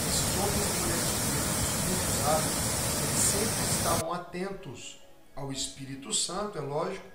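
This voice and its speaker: Brazilian male preacher, high voice, exhortative teaching, echoey room with music under it. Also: fairly bright tone. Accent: Brazilian Portuguese. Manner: exhortative, keeps asking "amém?" and "tá?" of listeners. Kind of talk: recorded spiritual warfare teaching.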